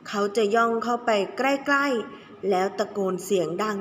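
In an echoey space with a little background noise, a woman who teaches kindergarten narrates a children's tale expressively, lengthening key words for the kids. She speaks in a mid-range, slightly bright voice at a measured pace.

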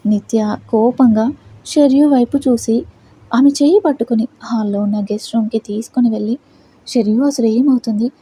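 A woman narrating an audio story in a steady, plain reading voice. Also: a little high, moderate pace, husky, rough recording.

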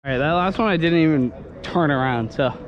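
Excitable young man, high voice, noisy outdoors. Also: brisk, muffled recording. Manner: excitable, swears, laughs at himself. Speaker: scooter rider filming himself. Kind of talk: casual self-filmed vlog commentary. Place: outdoor skatepark. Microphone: action camera on handlebars. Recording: noisy outdoor camera audio.

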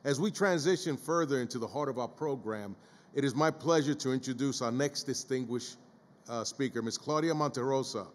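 Older man emceeing from a podium. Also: medium pitch. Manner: warm thanks, halting restarts. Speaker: event emcee. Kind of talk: formal event hosting. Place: large event hall. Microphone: podium microphone. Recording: reverberant hall.

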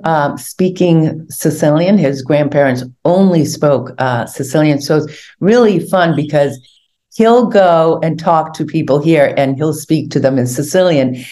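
An older woman, born in Hungary, talking animatedly as an interview guest over a video call from her home. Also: sits low. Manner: animated storytelling, gesturing with hands. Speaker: guest, tour organizer. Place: home room indoors. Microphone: video call webcam.

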